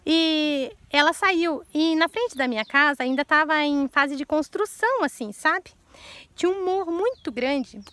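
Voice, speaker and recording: A woman's voice: high-pitched, expressive, unhurried, a bit bright, no echo. A woman, in her thirties, telling an earnest personal faith testimony straight to her listeners and repeating words for emphasis.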